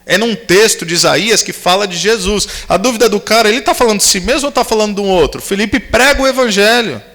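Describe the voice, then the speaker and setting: A man's voice: sits high, quick pace, a bit bright. A man, a pastor preaching at a youth camp, telling personal stories with humor and acting out the dialogue. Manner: storytelling, acts out dialogue, humorous asides. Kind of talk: sermon with personal anecdotes. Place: large camp meeting hall. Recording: long hall reverb.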